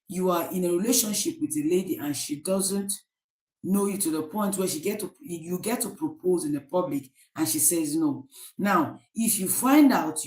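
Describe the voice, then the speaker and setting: Nigerian woman, live-stream host, lowish voice, echoey room, chatty with many ums. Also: a little mellow. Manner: chatty, greets viewers by name, many fillers. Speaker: livestream host. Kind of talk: casual live-stream chat.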